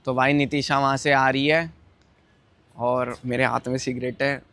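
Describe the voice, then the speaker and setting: A man's voice: medium pitch, level tone, a little slow, very noisy. A young man filming a prank vlog, teasing and defiant as he brushes off his partner's scolding. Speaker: vlogger.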